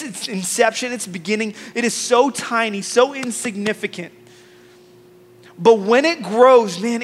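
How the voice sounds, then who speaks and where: A pastor with a high, slightly bright voice preaches a sermon, telling the story conversationally with humor and repeated phrases. His words ring through a long hall reverb.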